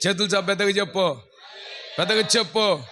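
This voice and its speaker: A man preaching a fervent sermon as pastor, swinging between loud shouted exhortation and low storytelling, urging the congregation to say amen aloud. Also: fairly quick, slight background noise.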